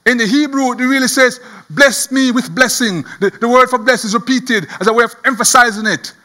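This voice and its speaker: A man preaching a sermon as a pastor, animated and chuckling as he tells the story, often repeating words. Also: very high voice, fast talker.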